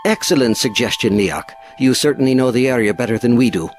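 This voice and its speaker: A man plays a ship's captain in an audio drama, firm and tired of it all. His mid-pitched voice is formal and used to command, with faint music behind. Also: fairly quick, lightly acted. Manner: formal, authoritative.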